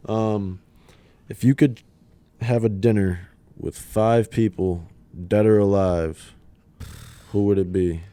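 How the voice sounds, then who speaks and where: Young dude hosting a podcast, really deep mellow voice, dry close sound. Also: male voice, fairly even intonation, slow pace, clear, resonant tone, no room sound. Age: 20s. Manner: easygoing, filler-heavy talk. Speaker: podcast host. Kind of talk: casual chat.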